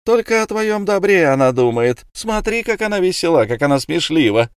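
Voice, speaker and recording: A man voicing a group of young tavern girls who loudly tease and mock. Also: very animated, normal speed, clear, resonant tone, no room sound, studio quality. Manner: loud, high teasing shouts.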